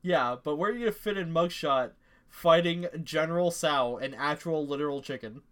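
A young man chatting casually about video games with friends. He gets excited, laughs often and swears. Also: fairly high pitch. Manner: excitable, laughing, swearing, quick quoted bits. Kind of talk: casual gaming chat.

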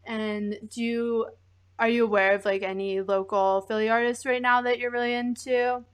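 A woman in her thirties interviewing a musician in casual chat, relaxed and friendly with many fillers. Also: on the high side, moderate pace, clear, resonant tone. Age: 30s.

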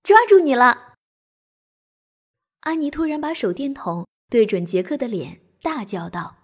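A young woman narrating a bedtime story for children in a gentle, expressive way. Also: a little high, moderate pace, breathy edge.

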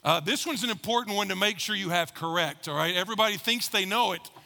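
A man's voice: sits high, fast, vocal fry, bright, forceful tone. A middle-aged male pastor preaching a sermon in a church, playful and joking with his congregation. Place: church sanctuary. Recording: long hall reverb.

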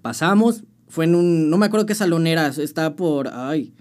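On the high side and expressive, his darkish voice moves at a moderate pace. The young musician, who has a Mexican Spanish accent, talks informally in an interview, relating his story with slang and frequent restarts.

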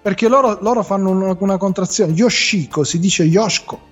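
Male co-host, husky and fairly high, teasing nitpicker, lo-fi sound. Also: fairly quick, soft background music. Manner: teasing, insistent, nitpicks pronunciation. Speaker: co-host of a video game show. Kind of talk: casual banter.

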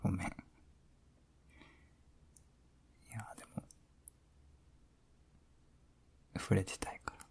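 A man with a Kansai accent playing a teasing, affectionate boyfriend at bedtime, in intimate whispered role-play pillow talk with a soft, breathy voice. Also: on the low side, heavily acted. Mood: sleepy, affectionate. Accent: Kansai Japanese. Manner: playful, coaxing, mock-hurt.

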